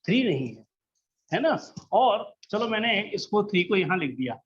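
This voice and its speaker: A man's voice: sits high, big pitch swings, normal speed, dull audio. A man teaching a math class, patient and coaxing, often checking that students follow along. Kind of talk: classroom lesson.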